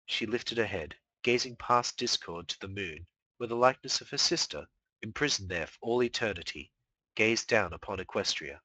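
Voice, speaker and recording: A man reading fan fiction aloud live in an expressive storytelling manner. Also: on the low side, normal speed, no room sound, poor audio. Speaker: fanfiction reader.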